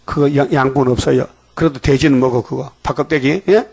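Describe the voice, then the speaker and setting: A man's voice: medium pitch, steady tone, brisk, vocal fry, a little mellow, breathy edge. An older man preaching a dawn revival sermon, telling a parable in a colloquial way and acting out the characters' dialogue.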